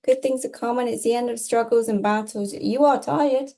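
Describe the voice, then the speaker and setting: A woman's voice: fairly high pitch, moderate pace, vocal fry, dark tone. A woman tarot reader giving casual spiritual guidance, reassuring and emphatic, often repeating herself in short phrases.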